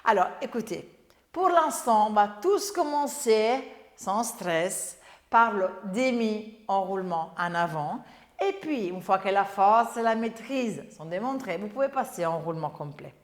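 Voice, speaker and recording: A woman instructor leading a Pilates workout, upbeat, giving brisk exercise and breathing cues. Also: mid-range voice, lively intonation. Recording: echoey room with long reverb.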